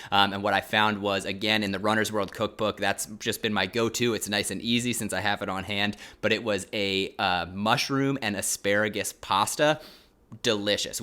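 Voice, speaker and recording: A man records a casual vlog update about his routine. His voice sits on the low side but has a bright, forceful edge. He is chatty and upbeat, explaining things plainly to his viewers. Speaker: running vlogger.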